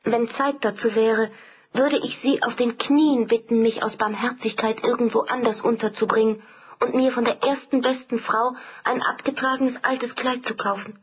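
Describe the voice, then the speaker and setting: Woman voicing a desperate young Spanish lady, husky, high and urgent. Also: highs cut off. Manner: pleading, breathless, raised pitch. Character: distressed young Spanish noblewoman fleeing.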